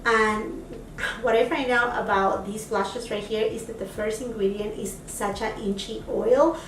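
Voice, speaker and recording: With a fairly high pitch, fairly even intonation and an unhurried pace, this Peruvian beauty vlogger talks through a makeup try-on casually, using lots of fillers and gushing over products. The camera mic sits at a distance in a home room, giving an echoey, slightly off-mic sound with a little hiss or hum.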